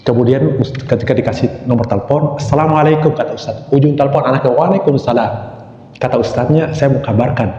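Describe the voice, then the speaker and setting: Male Indonesian preacher, mellow tone, storytelling sermon in a roomy mosque hall. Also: mid-range voice, fast talker. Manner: storytelling, acting out quoted dialogue. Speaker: ustadz preacher. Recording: echoey hall, dull lo-fi sound.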